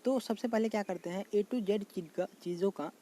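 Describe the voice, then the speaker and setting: A warm, high-pitched man's voice runs through a general knowledge lesson in a casual, repetitive fashion. Calling his viewers friends, he says terms again slowly, and faint noise is audible behind him.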